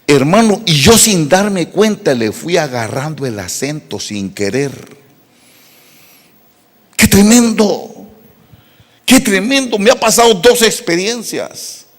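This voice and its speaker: A man's voice: on the high side, big pitch swings, a little slow, long reverb tail. A man from Costa Rica, a pastor preaching a sermon, telling humorous stories and speaking straight to the congregation. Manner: humorous storytelling, addressing the congregation directly.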